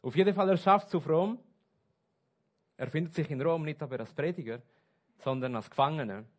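A man preaching a sermon, switching between soft asides and loud, stressed points. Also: on the high side, fairly quick. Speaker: pastor.

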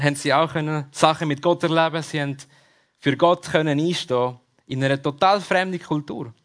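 A fairly high-voiced man preaches with a Swiss German accent at a church service. He talks straight to his congregation and comes back to his key questions again and again. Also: fairly bright tone. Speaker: pastor. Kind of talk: sermon.

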